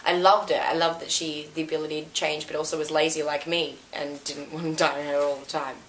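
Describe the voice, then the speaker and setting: A woman's voice: deep voice, flat delivery, brisk, slight background noise, poor audio. A woman giving a casual, chatty review as co-host, in an emphatic, gushing way. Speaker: co-host reviewing a dance show.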